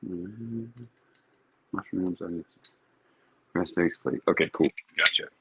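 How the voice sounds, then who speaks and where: A man's voice: low voice, slow pace, creaky, lo-fi sound, very noisy. A man hosting his own cooking vlog, chatting casually and thinking aloud as he grills. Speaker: cooking show host.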